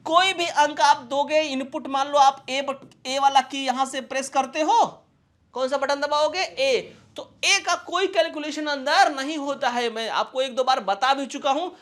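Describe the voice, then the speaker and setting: Guy teaching computer basics, pretty high voice, folksy and playful, keeps asking if anyone's confused. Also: pushed and bright. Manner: keeps checking for understanding with quick rhetorical questions. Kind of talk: classroom-style video lesson.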